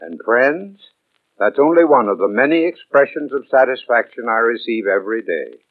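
A man's voice: mid-range voice, expressive, normal speed. An American man giving a scripted old-time radio advertisement as spokesman, formal, earnest and persuasive. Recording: tinny band-limited vintage radio broadcast.

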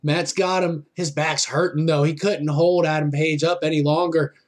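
A man calling wrestling play-by-play as an excitable commentator, exclaiming at big moves with informal, fan-like reactions. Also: a little high, moderate pace.

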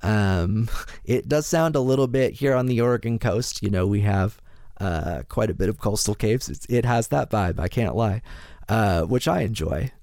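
A man's voice: on the low side, expressive, normal speed, a little mellow, no echo, clean studio sound. A man hosting a podcast, casually introducing things in a hesitant, rambling way full of asides. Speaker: podcast host.

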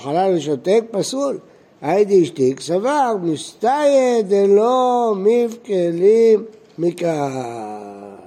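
A man's voice: sits high, warm tone, breathy edge. A man teaching a page of Talmud as a rabbi, reading lines aloud and explaining them, often asking questions and then answering them himself. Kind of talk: explaining a text line by line.

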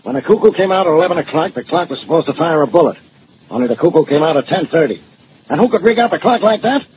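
An actor playing an irritable, thick-headed police inspector in a 1940s radio drama, gruff and blustery. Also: male voice, fairly high pitch, expressive, fast talker, dull audio, close to an everyday voice. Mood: smug, argumentative. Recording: noisy, band-limited old radio recording.

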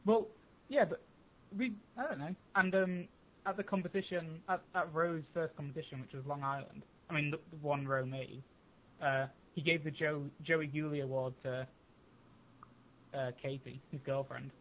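A man's voice: on the high side, steady tone, moderate pace. English man on a tinny call line. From England. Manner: hesitant, restarts a lot. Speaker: podcast guest. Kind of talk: casual chat. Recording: tinny phone-like line with faint hiss.

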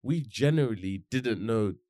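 A man's voice: lowish voice, animated, normal speed, mellow, dry recording, clean studio sound. A man with a London accent in casual conversation, using roadman slang and rambling as he thinks aloud. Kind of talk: casual chat.

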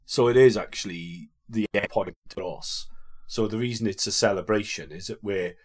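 A man with a South Wales accent speaks in a fairly low register. He hosts like an informal vicar, explaining things conversationally, with a jokey, chatty manner and plenty of tag questions. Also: normal speed. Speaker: podcast host and vicar. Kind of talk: casual conversational explaining of faith.

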